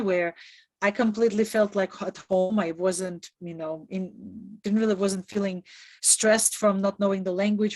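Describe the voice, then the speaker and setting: A woman from Kazakhstan, whose native language is Russian, presents an informational session over a video call as a returned Peace Corps volunteer. Her mid-range voice has no room sound, and she is upbeat and conversational, laughing often.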